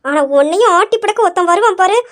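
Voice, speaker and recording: A woman doing a high-voiced nagging granny. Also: fast. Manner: nagging, fussing. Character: scolding grandmother, older woman, sharp-tongued. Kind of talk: amateur family skit.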